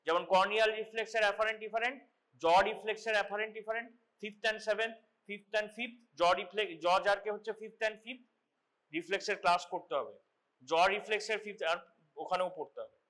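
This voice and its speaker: A man's voice: high-pitched, steady tone, brisk, pushed and bright. A man giving an anatomy lecture to medical students in a classroom, explaining step by step and mixing in English terms. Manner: explanatory, mixes English terms, frequent restarts.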